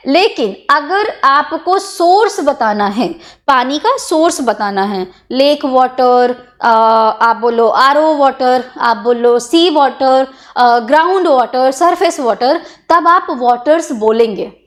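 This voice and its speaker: High-voiced, unhurried woman teacher. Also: animated. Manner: asks questions and answers them herself, with frequent check-ins to students. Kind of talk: exam-prep grammar lesson in mixed Hindi and English.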